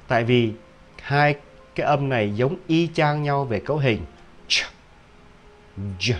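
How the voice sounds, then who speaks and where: A man teaching English pronunciation, repeating each word several times and often stopping to check with a quick question. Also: mid-range voice. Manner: drills words by repetition, with frequent rhetorical "hả?" checks. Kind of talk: video pronunciation lesson.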